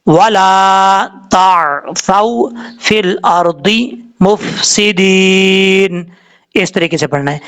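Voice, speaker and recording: A man teaches tajweed in a patient, methodical way, spelling out letters and vowel marks one by one. His voice sits fairly high for a man. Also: fairly bright tone. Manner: patient, explains rules step by step, then recites slowly drawn out. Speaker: Quran recitation teacher.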